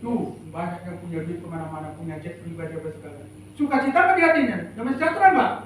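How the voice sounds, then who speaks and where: A man's voice: sits high, expressive, racing, noisy background. A man preaching a sermon as pastor, emphatic and calling out to the congregation for replies. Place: church sanctuary. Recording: echoey church hall, mic far off.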